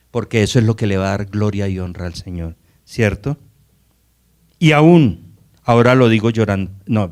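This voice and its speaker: A man's voice: on the low side, darkish tone. Man preaching a Bible study sermon. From Colombia. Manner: preaching with rhetorical questions and asides to the congregation. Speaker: pastor.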